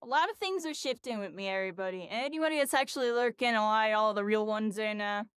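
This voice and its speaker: Here a fatigued woman streamer talks fast in rambling live-stream chat, leaning on "like" and "you know." Her voice sits mid-range with a clean tone, and the recording is dry, clean studio sound.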